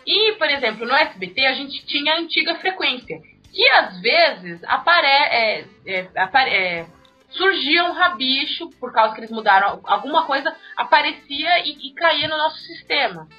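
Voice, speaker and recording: Brazilian woman, high bright voice, animated anecdote teller, muffled with soft music. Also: normal speed. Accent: Brazilian Portuguese. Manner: animated, acts out dialogue with sharp pitch jumps. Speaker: newsroom radio monitor. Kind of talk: casual anecdote telling. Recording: muffled audio with faint music.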